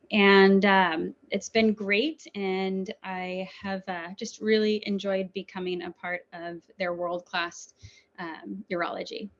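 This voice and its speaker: Woman doctor giving a webinar talk. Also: mid-range voice. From New Zealand. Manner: warm, conversational, frequent ums. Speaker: urologist. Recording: dull lo-fi webinar audio.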